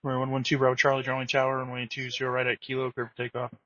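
Rapid-fire male air traffic controller on radio. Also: medium pitch, completely flat delivery, a bit bright, dry recording. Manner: brisk, procedural. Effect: radio transmission. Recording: muffled lo-fi radio audio.

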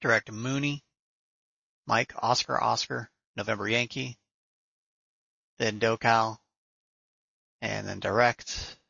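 Crisp-edged male air traffic controller on radio. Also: mid-range voice, fairly even intonation, slow, long pauses, sharp tone, dry recording, lo-fi sound. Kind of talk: procedural radio instructions. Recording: dry, band-limited radio audio.

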